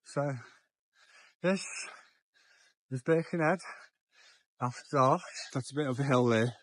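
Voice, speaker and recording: A young man with a mid-range voice films a walking vlog on a handheld phone as he strolls town streets at dusk. Chatty and a little tipsy, he rambles and repeats himself at an unhurried pace. The audio carries no room sound.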